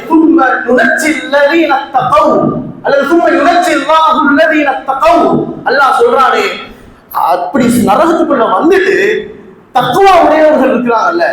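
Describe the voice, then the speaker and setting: A man preaching an impassioned sermon to an audience in a large hall, often shouting and slowly reciting Arabic verses before explaining them. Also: very high voice. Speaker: Islamic preacher. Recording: very echoey hall.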